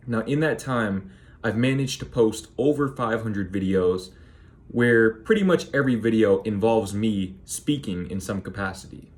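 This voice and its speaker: Speaking straight to camera, this twenty-something YouTuber gives motivational advice in a voice that sits on the low side and is naturally monotone. Key words get emphasis as he slows down on them.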